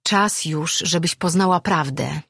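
A calm, secretive man in a fantasy audiobook, as the narrator voices him. He speaks low, quiet and measured. The voice is husky and sounds close and dry. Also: no echo, full character voice. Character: man hiding his true self, calm and guarded. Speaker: character in an audiobook. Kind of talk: audiobook character reading.

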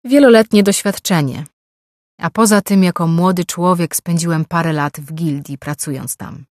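A man's voice: fairly high pitch, normal speed, no echo, studio quality, lightly acted. A woman voicing a sly, chatty older male pawnshop owner who talks in a slightly raised, boastful way.

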